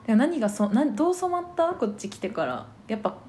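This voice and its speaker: A woman in her thirties from Hokkaido with a light Hokkaido accent, co-hosting a podcast in playful, animated casual chat. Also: a little high, racing, a little hiss or hum. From Hokkaido, Japan. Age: 30s. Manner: animated, playful, acts out little quotes. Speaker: podcast co-host.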